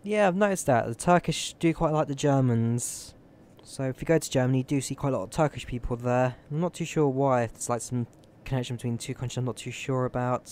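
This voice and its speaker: A young man from the UK streams a flight simulator, rambling chattily to viewers and thinking aloud while fiddling with settings. His mid-range voice is fast with a darkish tone, and there's slight background noise.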